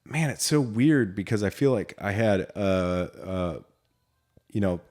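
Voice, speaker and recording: Deep-voiced man musing slowly on a podcast. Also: lively intonation, a little mellow. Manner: rambling and reflective, many fillers. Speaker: podcast co-host. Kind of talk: casual podcast chat.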